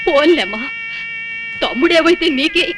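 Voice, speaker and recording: Cranky old mom who can't hear well, kinda high voice, old movie sound. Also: female voice, lively intonation, moderate pace. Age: older. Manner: complaining, scolding, self-pitying. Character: ailing old mother, half-deaf, nagging. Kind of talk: film dialogue. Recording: film soundtrack with faint music.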